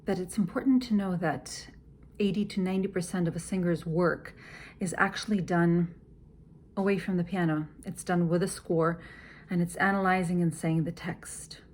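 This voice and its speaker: A woman who is an opera singer, explaining how she works through a scene in a measured, teacherly way, often dropping to a soft near-whisper. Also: on the low side, steady tone, a little hiss or hum. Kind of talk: teaching walkthrough.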